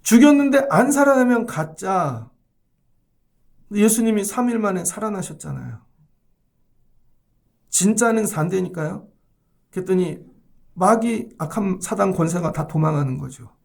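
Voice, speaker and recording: Male pastor, sermon delivery: emphatic, rhetorical questions, high gravelly voice. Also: animated, moderate pace, pauses often, a little mellow.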